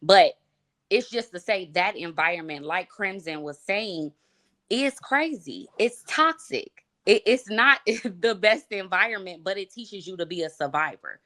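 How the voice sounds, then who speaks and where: A woman's voice: mid-range voice, animated, measured pace, pushed and bright. A woman from Chicago on a discussion panel, earnestly telling a personal story to make her point. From Chicago, United States. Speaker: panel guest.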